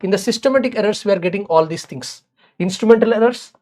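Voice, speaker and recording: A woman's voice: medium pitch, fast, darkish tone. A woman with an Indian accent giving an exam revision lecture in mixed English and Hindi, repeating key phrases and checking that learners follow. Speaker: teacher.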